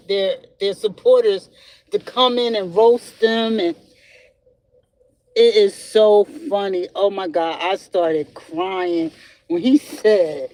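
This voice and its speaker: Slow-talking woman chatting from her car. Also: medium pitch, low-quality recording. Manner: laughs often, rambling and animated storytelling. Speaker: podcast host. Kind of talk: casual solo chat. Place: in a car while driving. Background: faint road and vehicle noise.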